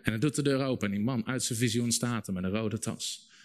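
A man's voice: mid-range voice, fairly quick. A young man preaching a sermon, telling a story vividly and repeating phrases for emphasis. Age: young adult.

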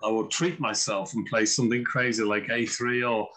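A man's voice: lowish voice, flat delivery, normal speed, sharp tone, rough recording. A man, a guest in a casual podcast interview, telling chatty anecdotes and acting out what others said. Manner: chatty anecdotal storyteller, acts out quoted voices. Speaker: guest, chess author.

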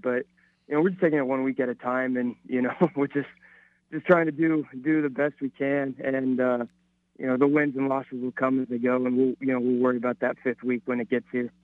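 A man's voice: mid-range voice, steady tone, quick pace, dry recording. A man, a football coach, speaking over the phone as a radio interview guest, hesitant and full of fillers. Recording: narrow tinny phone line.

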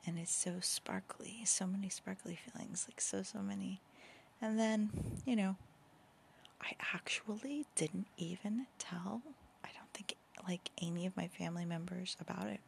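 A woman's voice: medium pitch, moderate pace, vocal fry, slight background noise. A woman in her thirties whispering a podcast at home late at night, yawning often as babies sleep beside her. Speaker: podcast host and author.

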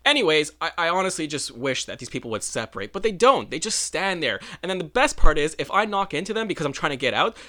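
A man's voice: a little high, very animated, fast, few pauses, bright, forceful tone. A man talking in a casual, rambling monologue, often correcting himself and adding wry asides. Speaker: vlogger.

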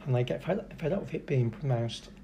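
A man's voice: mid-range voice, lively intonation, brisk, creaky, dark tone, slight background noise. A man hosting a casual local football chat, with hesitant restarts and a dry sense of humour. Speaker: club radio host.

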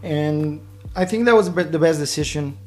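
Friendly Mexican-accented man, slightly high. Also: fairly quick, soft background music. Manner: friendly, thoughtful, with frequent "um" and restarts. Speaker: interview guest. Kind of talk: casual interview.

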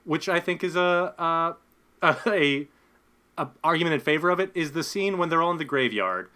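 A young man on a casual podcast picking apart a film with wry, dry humor, often restarting his sentences. His voice sits a bit high with a lively, swooping pitch. His tone is bright and tense. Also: normal speed, clean tone. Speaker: podcast co-host. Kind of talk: casual movie review chat.

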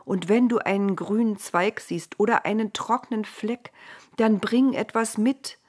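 A woman voicing Noah, a stern and patient old patriarch, in a slowly read storybook. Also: mid-range voice, steady tone, a little mellow, husky. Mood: hushed. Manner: firm, admonishing.

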